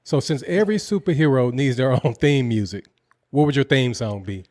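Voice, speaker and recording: A man's voice: medium pitch, expressive, normal speed, a little mellow, no room sound, clean studio sound. Easygoing man hosting a chat. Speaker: interview host. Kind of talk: casual interview chat.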